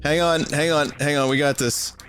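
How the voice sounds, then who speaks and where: A man's voice: fairly even intonation, normal speed. A man streaming a video game live, muttering self-mocking commentary to himself as he plays. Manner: self-mocking, muttering to himself, bursts into high-pitched screams. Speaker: gaming streamer. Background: game music.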